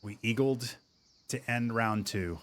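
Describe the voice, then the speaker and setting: A man streaming a golf video game, chatting casually, answering viewer chat and getting excited over good shots. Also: mid-range voice, takes it slowly, noisy background. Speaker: gaming streamer. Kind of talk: casual livestream game commentary.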